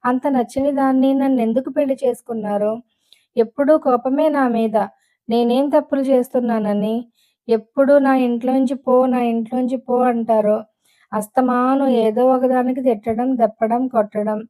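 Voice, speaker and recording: A woman's voice: on the high side, steady tone, normal speed, dark tone, natural voice, rough recording. A woman reading the lines of a hurt young wife who speaks with tearful reproach in an audiobook.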